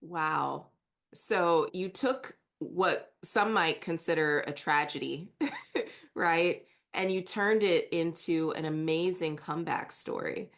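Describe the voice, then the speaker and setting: Woman, podcast host, lowish voice, curious friendly questions, conversational interview. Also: slow pace, vocal fry, fairly bright tone.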